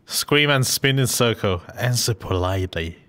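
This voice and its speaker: A man streaming a text game, calling out commands slowly and laughing often. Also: medium pitch, lively intonation, fairly bright tone. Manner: slow, drawn-out commands with bursts of laughter. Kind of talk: casual gaming stream.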